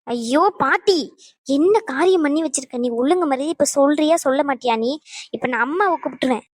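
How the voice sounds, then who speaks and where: A woman's voice: high voice, a little fast, no room sound, clean studio sound, close to an everyday voice. A woman voicing a bossy young granddaughter in a cartoon who scolds and threatens her grandmother. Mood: scolding. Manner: scolding, demanding.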